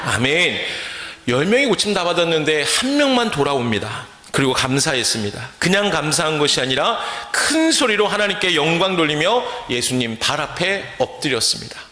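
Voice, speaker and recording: Lively, bright-voiced male pastor preaching. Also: on the high side, normal speed. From Chungcheong, Korea. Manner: asks the congregation questions and leads call-and-response. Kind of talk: sermon. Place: church sanctuary. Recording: echoey church hall.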